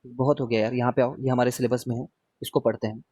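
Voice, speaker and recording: A man's voice: medium pitch, little pitch movement, fast talker, mellow, breathy edge. A man teaching a live online revision class, talking casually and often checking in with his students as he answers their questions.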